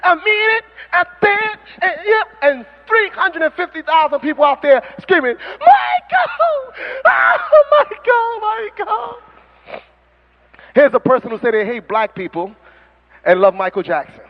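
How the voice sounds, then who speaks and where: A man preaching as an imam, fiery and mocking, in an animated sermon style, on a dull lo-fi recording. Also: very high voice, normal speed, in a large hall.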